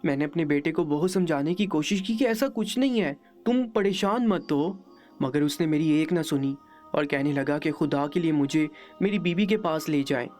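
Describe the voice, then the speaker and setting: Measured woman narrating a sad story. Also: sits low, expressive, a little mellow, soft background music. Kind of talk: first-person story narration.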